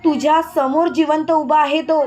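A woman's voice: high-pitched, steady tone, moderate pace, darkish tone, lightly acted. Indu, a furious village woman, read by a woman narrator. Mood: angry. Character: fierce angry young village woman.

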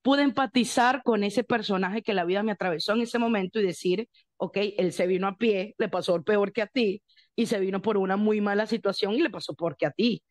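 A young Venezuelan woman, a guest in an interview, telling her story in lively detail, acting out quotes and breaking into song. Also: medium pitch, fairly quick. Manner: animated storyteller, acts out quotes, bursts into song.

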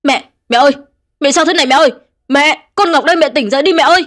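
A woman's voice: high voice, fast talker, a bit bright, pitched above the performer's own voice. A woman voicing a grown son who cries out in desperate grief over his dead mother in an audio horror story. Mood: frantic grief.

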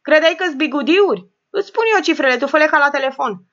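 A woman's voice: sits high, animated, fairly bright tone, lo-fi sound, pitched above the performer's own voice. Woman voicing a scolding, sarcastic old woman. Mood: mocking. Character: sharp-tongued rich old woman, mocking and shrewd.

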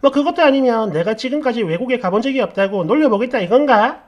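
A woman's voice: high-pitched, sing-song, normal speed, highs cut off, pitched above the performer's own voice. A woman narrating a story and voicing an offended young bride who speaks sharply and accusingly, with a raised voice. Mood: mocking. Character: indignant devout young woman, quick to take offense.

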